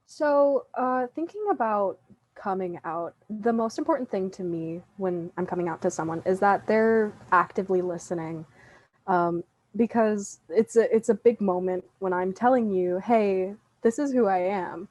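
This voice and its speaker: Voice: mid-range voice, moderate pace, darkish tone, poor audio. A young adult student panelist speaking casually and thoughtfully, with fillers. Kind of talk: panel answers.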